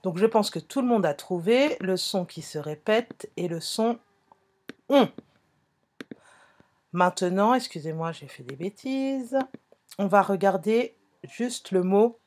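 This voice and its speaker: A woman's voice: medium pitch, animated, slow, long pauses, a little mellow. A woman teaching a phonics lesson to young children, speaking patiently, repeating herself and correcting small slips.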